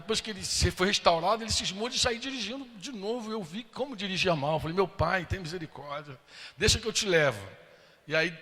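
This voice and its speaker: Bright-voiced man preaching a testimony. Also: high voice. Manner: emotional storytelling, acting out quoted voices. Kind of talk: sermon testimony. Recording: long hall reverb.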